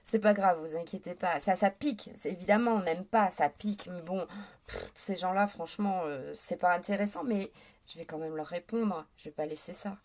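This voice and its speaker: Hesitant French woman live-streaming, mellow voice. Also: lowish voice, normal speed. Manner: hesitant, many fillers, indignant at trolls. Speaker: livestream host. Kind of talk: casual live-stream talk to viewers.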